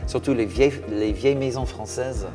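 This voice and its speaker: A man's voice: mid-range voice, moderate pace. A man, a pastor preaching and leading a communion prayer with fervent, exclamatory speech full of restarts. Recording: long hall reverb. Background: faint music.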